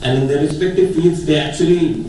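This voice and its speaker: A man's voice: on the high side, brisk, warm tone. A man with a North Indian accent gives an informal, earnest personal speech as a surgeon, emphatic and often repeating phrases. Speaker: eye surgeon giving a testimonial speech. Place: echoey hall. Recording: very echoey hall, distant mic, faint noise.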